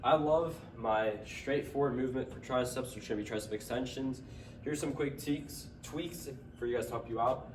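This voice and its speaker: A young fitness vlogger with a stuffy nose, medium pitch and normal speed gives casual workout tips in a gym, sometimes tripping over his words and straining between sets. The recording is noisy and echoey, as if picked up from far away.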